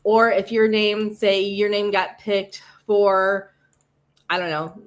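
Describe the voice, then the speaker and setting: A woman with a Midwestern accent hosting a casual livestream, chatty and quick to laugh. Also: mid-range voice, level tone. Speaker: livestream host.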